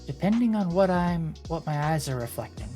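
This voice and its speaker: A woman's voice: low-pitched, expressive, moderate pace, mellow. A woman streamer chatting casually on a live stream, rambling and thinking aloud with lots of fillers. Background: faint background music.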